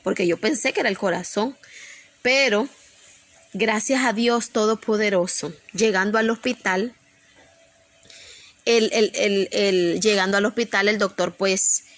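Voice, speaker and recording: A woman's voice: mid-range voice, steady tone, a little slow, pauses often. A woman preacher telling an emotional personal testimony to her congregation, earnest and repetitive, often restarting her sentences.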